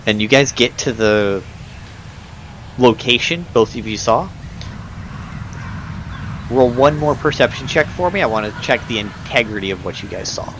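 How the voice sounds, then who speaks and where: A man running a tabletop game as game master, improvising narration and pausing to search for words. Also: mid-range voice. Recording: clear background noise.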